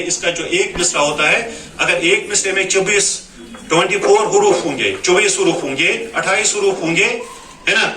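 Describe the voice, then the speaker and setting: A male teacher walks through a lesson in a bright, forceful voice that sits a little high. He keeps checking that his students are following. The sound is roomy and the mic is set some way off. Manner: explanatory, repeats "है ना" to check understanding. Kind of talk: classroom lesson on Urdu poetry recitation. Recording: echoey room, mic at a distance.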